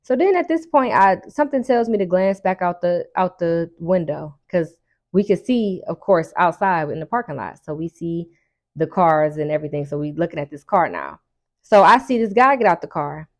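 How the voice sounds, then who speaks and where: Woman with a lowish voice telling stories casually. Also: normal speed. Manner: colloquial, animated retelling with acted-out dialogue. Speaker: storyteller addressing her audience. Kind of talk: casual storytime chat.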